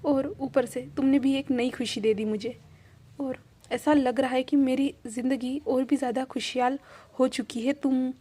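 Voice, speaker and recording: A woman's voice: high-pitched, steady tone, unhurried, dark tone, husky. A woman voicing an emotional young man who rambles through happy tears. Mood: tearful. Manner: tearful, rambling.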